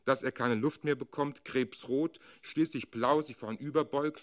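Expressive male literary narrator. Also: mid-range voice. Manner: expressive, dramatic. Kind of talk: literary reading.

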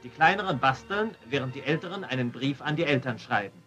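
A man narrating an old newsreel in a crisp, upbeat announcer manner. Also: medium pitch, animated, fast, a bit bright, faint music behind. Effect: old newsreel narration played from archive.

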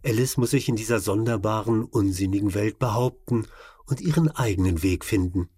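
A man narrating a scripted documentary in a measured, even way. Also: on the low side, slightly rough, no echo, studio quality.

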